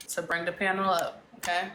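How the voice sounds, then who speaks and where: Hosting a live online panel, a woman moderates a casual live stream, steadily calling speakers up one by one and keeping things orderly. Her voice is on the low side and a little fast, with a slight hiss or hum in the recording.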